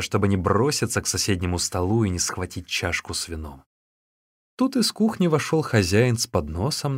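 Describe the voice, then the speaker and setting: A man reads an old adventure novel aloud with expressive storytelling. His voice sits low but moves through a lively pitch range. The sound is dry and close. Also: dry recording. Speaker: narrator. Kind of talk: audiobook narration of a classic novel.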